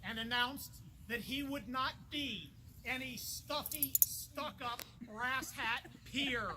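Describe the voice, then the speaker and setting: A man delivering a formal, declamatory ceremonial speech with measured pauses, as a master of an order. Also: extremely high pitch. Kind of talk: formal ceremonial speech in a historical reenactment society. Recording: noisy outdoor event recording.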